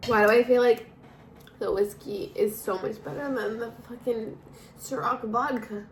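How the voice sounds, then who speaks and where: A woman's voice: on the high side, fairly even intonation, normal speed, a little hiss or hum. A woman in her twenties, drunk and giggly, chatting with a friend in a blurting, slightly muddled way with casual swearing. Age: 20s. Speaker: vlogger doing a drinking makeup challenge. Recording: echoey room, music behind.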